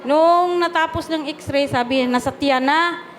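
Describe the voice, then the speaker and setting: An older woman, a grandmother, telling a church testimony in an emotional, animated way. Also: sits high, a little slow, slight background noise. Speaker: church member giving testimony. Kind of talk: spontaneous spoken testimony.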